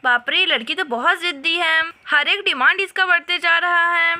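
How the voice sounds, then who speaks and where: A woman's voice: extremely high pitch, normal speed, pushed and bright, heavily acted. A woman voicing a village mother who scolds her stubborn little daughter in a doll story. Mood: exasperated. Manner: nagging, exasperated scolding.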